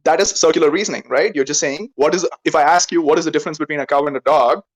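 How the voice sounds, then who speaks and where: A man's voice: on the high side, racing, rough recording. A man debating in an online voice chat, insistent, leaning on "right?" tags and formal logic terms.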